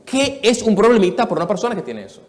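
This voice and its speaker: A high-pitched Dominican man in his thirties preaches his testimony at a quick pace to a live church audience, his pitch swinging widely. His storytelling is earnest, moving between soft and emphatic.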